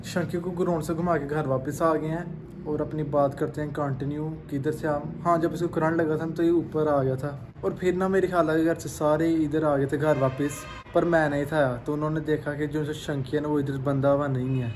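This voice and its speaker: A man's voice: on the high side, fairly even intonation, moderate pace, background noise. A man from Pakistan with a Pakistani Urdu accent, chatting casually in a vlog. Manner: chatty, informal. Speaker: vlogger.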